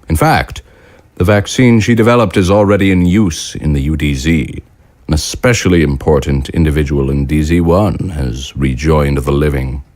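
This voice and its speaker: In an audio drama, a man plays a cold, calculating wartime leader, speaking in a measured, formal and quietly menacing manner. His voice rumbles low, with no room sound.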